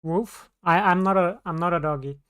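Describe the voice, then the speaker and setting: A woman streamer chats casually with her viewers, rambling and often restarting mid-sentence. Her voice sits low and sounds smooth and clear. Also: fast, a bit bright. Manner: rambling, scattered, with many restarts. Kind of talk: casual live-stream chat.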